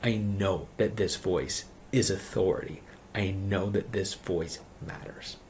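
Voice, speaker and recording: A man telling his personal conversion testimony in an earnest, halting way, repeating phrases and often saying "like". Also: sits low, a little mellow, a little hiss or hum. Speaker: speaker giving a religious testimony.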